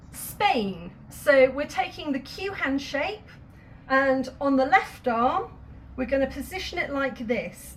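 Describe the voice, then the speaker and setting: A woman's voice: high voice, fairly bright tone, a little hiss or hum. A woman teaching sign language, patiently explaining each sign step by step with light laughs. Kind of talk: instructional video lesson.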